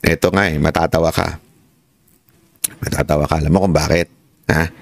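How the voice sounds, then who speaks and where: A man's voice: fairly even intonation, normal speed, gravelly, no echo, clean studio sound. A man giving casual political commentary on a live stream, mocking and rhetorical, always asking his listeners whether he is right. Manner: mocking and sarcastic, with sharp jumps in pitch.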